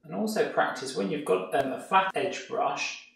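A man gives a relaxed painting tutorial, thinking aloud as he works. His voice has a gravelly edge. The room rings with strong echo, and he sounds set back from the mic. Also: fairly high pitch, normal speed, far from the mic. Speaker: art tutor.

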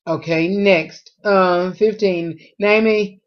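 A young vlogger with a high, steady voice speaks slowly in a casual food tag video, reading food questions aloud and answering them with plenty of fillers. He's indoors in a small room at home, and the close-range webcam produces dull, lo-fi audio.

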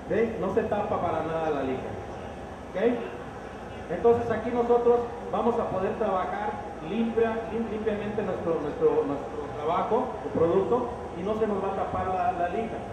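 A man's voice: high-pitched, normal speed, lo-fi sound. A middle-aged man giving a live product demonstration into a handheld microphone in a large roofed expo hall, explaining step by step and often checking with the crowd. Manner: explanatory, asks the crowd frequent checking questions. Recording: echoey hall, distant camera, crowd noise.

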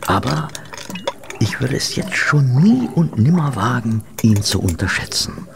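Gravelly, educated doctor, expressive. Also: male voice, mid-range voice, noisy background. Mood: loyal, knowing. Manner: measured, explanatory. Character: educated male doctor, measured, loyal companion and narrator. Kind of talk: German radio play acting.

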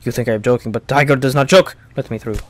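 Loud, boastful male traveler who will not back down, speaking in broken English in a raised voice, for a game let's play, a man putting him on. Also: medium pitch, flat delivery, measured pace, smooth, no echo, lightly acted. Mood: defiant. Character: brash stubborn male traveler.

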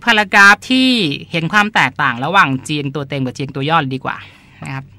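A man's voice: on the high side, lively intonation, fast, bright, forceful tone. A man hosting a podcast, chatting casually as he explains terms and often repeats them with polite particles. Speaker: podcast host and translator.

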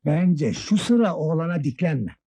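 An actor playing an older man, a gruff father giving fatherly advice to his son and daughter-in-law, in old film acting. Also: fairly high pitch, expressive, unhurried, dark tone, dry recording, heavily acted. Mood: advising. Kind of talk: 1960s Turkish film acting.

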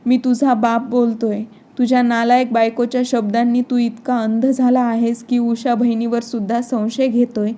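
A woman voicing a stern, proud old father who scolds his son, in a storybook narration read in a steady, even way. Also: extremely high pitch. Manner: scolding, indignant.

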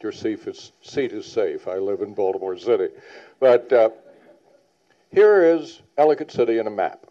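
A man's voice: on the low side, lively intonation, moderate pace, warm tone. A man on a planning panel giving a public presentation, earnest and emphatic, repeating key points. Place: public meeting hall. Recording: dull lo-fi sound.

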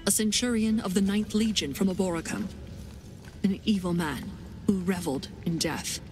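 A woman's voice: mid-range voice, moderate pace, natural voice. Woman acting a grim warrior woman for a game, vengeful queen, commanding and resolute, music under it. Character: vengeful warrior queen, grieving mother with iron will. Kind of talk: video game character dialogue. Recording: music behind the voice.

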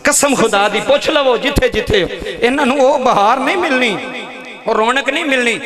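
High-voiced impassioned preacher. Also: male voice, fairly quick, a bit bright, roomy sound. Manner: impassioned, calls on the audience to answer. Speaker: Islamic preacher. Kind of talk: emotional sermon to a gathering. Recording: live event with crowd noise.

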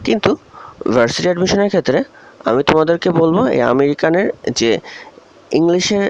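A man's voice: fairly high pitch, expressive, brisk, darkish tone, no echo. A man from Bangladesh teaching English grammar in a recorded video lesson, often asking questions and then answering them himself. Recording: dull lo-fi recording with faint hiss.

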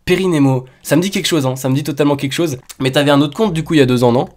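A man hosting a casual call with his fans, excitable and teasing, joking and then taking it back, with sudden shouts. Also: a little high, racing. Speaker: YouTuber host calling subscribers. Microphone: computer mic on a voice call.

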